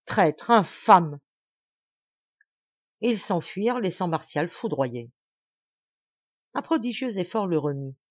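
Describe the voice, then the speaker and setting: A woman reading a classic novel aloud as an audiobook, narrating in a measured, clear way. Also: fairly low pitch, sing-song, a little mellow, no echo, dull audio. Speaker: audiobook reader.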